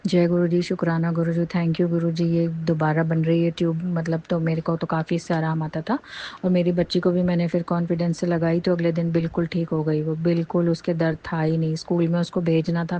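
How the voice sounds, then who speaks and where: A woman's voice: on the low side, warm tone, highs cut off. A middle-aged woman telling a long, earnest, rambling story of faith and thanks. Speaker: devotee sharing a testimony. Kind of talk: personal testimony monologue.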